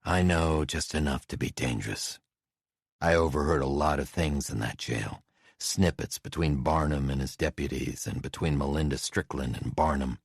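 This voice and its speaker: A man voicing a gruff, reclusive male falconer who speaks bluntly and low in an audiobook. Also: normal speed, no room sound, clean studio sound, heavily acted. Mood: wary.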